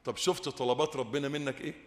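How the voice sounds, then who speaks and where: Man, Egyptian Arabic accent, preacher, lively call-and-response sermon, long reverb. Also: mid-range voice, racing. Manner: lively, calls and responses with the audience. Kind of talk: sermon with storytelling.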